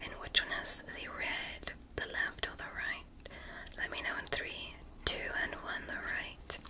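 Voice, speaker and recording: Here a woman voices a female alien doctor in whispered ASMR, staying calm and clinical throughout. Her manner is soft and reassuring, her instructions precise and measured, and the overall mood is soothing.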